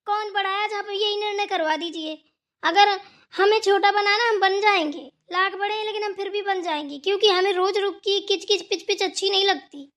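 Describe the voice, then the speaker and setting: Woman doing a squeaky, bright cartoon daughter-in-law, plaintive, complaining. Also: steady tone, fairly quick. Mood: aggrieved. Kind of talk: Hindi cartoon voice acting.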